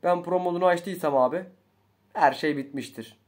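Young man, casual gameplay commentary, slangy, swears, fairly high voice, excitable. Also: a little fast. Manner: excitable, swings between muttering and shouting. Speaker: gaming YouTuber.

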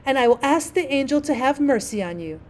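A woman's voice: a little high, animated, moderate pace, dark tone. A woman voicing a kind, spirited young girl in a storybook, with an earnest, emphatic way of talking. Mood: resolute. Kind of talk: storybook character reading.

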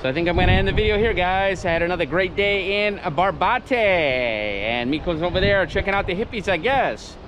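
A man's voice: sits high, lively intonation, a little fast, few pauses, fairly bright tone, a little hiss or hum. A man in his thirties filming a casual travel vlog at a seaside restaurant, enthusiastic and saying wow a lot, with the camera held at arm's length. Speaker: travel vlogger. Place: seaside restaurant and promenade, indoors and out. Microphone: handheld action camera at arm's length.

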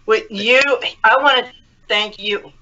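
A woman guest on a podcast, chatting casually and telling lively stories, laughing often between lines. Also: on the high side, slow, dull audio, background noise. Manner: lively storytelling.

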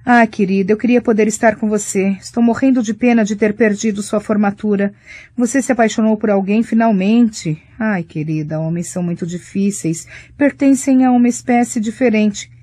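A woman reading the part of a gentle, anxious mother calling her daughter. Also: mid-range voice, moderate pace, dry recording, natural voice. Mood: tender, concerned. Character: warm worried middle-aged mother on the phone.

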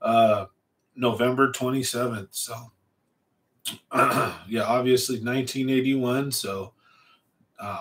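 A man's voice: mid-range voice, fairly bright tone. Laid-back man, 40, chatting on a livestream. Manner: rambling, laid-back, reads and answers chat. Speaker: fishing channel host. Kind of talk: casual livestream chat. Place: small home room full of shelves. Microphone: large studio mic on a stand in front.

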